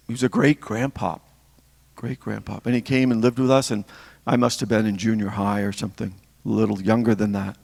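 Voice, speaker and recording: Gravelly older deacon in a hall. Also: male voice, medium pitch, darkish tone. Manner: reflective storytelling, pausing between phrases. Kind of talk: spiritual talk. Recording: long hall reverb.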